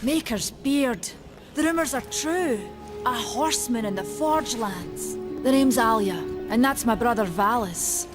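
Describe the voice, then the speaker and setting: Over game music, an actress plays a stubborn and proud female forge keeper, using plain, old-fashioned words as she bargains. Her voice is a little high, measured in pace, with lively intonation.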